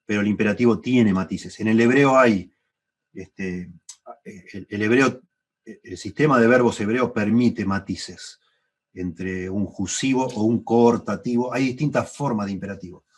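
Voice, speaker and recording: A middle-aged man with a Rioplatense Spanish accent leads a church Bible class in a husky, slightly low voice. He teaches thoughtfully, repeating phrases and climbing higher when he stresses a point. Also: measured pace. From Argentina.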